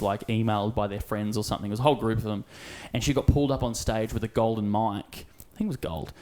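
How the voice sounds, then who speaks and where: Chatty Australian man in his thirties. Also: fairly low pitch. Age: 30s. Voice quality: swears freely, animated storytelling with put-on quotes. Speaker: podcast co-host. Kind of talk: casual chat.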